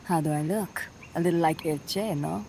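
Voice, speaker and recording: An actress voices a blunt, streetwise young guerrilla fighter in a game cutscene with music playing underneath. Her voice sits low and creaky at a moderate pace, and the recording is very noisy.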